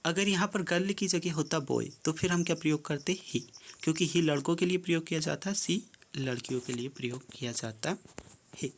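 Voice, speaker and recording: A teacher going through a worksheet step by step, reading each English prompt slowly and then explaining it in plain terms. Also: mid-range voice, slight background noise.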